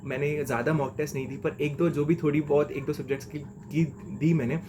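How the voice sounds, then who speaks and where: A man's voice: fairly high pitch, steady tone, brisk, background noise. A young man giving a chatty, slangy lesson of exam tips as a mentor. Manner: chatty and slangy, keeps saying "okay?".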